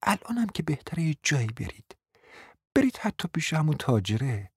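A cunning, flattering provincial mother in a radio drama, coaxing in a smooth, persuasive voice that keeps sinking to a whisper. The sound is dry and close, with no room around it. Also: sits low, dry recording, heavily acted. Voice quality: coaxing, often drops to a whisper. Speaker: scheming mother. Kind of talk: radio play acting.

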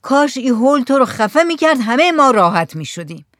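A man's voice: extremely high pitch, very animated, a bit bright, dry recording, clean studio sound, pitched above the performer's own voice, exaggerated voice. A woman doing a mocking young villager. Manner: teasing, scornful.

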